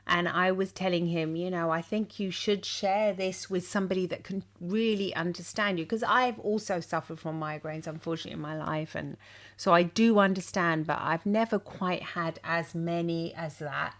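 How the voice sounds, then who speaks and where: A woman's voice: lowish voice, steady tone, moderate pace. A middle-aged woman co-hosting a podcast, chatting casually and often chiming in with agreement. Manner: supportive, frequent agreeing interjections. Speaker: podcast co-host. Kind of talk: casual chat.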